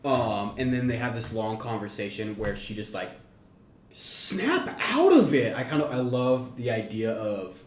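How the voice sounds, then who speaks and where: A man co-hosting a podcast, pitching a story idea in a meandering, self-correcting casual chat. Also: fairly even intonation, moderate pace, hardly any pauses, a little mellow. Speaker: podcast co-host. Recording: roomy echo, faint background noise.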